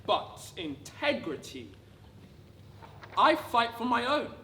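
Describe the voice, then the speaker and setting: A woman giving a rehearsed dramatic reading of wartime letters, measured, with deliberate pauses. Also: fairly high pitch, sing-song, fairly bright tone. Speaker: actor reading a monologue. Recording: distant, echoey room with background noise.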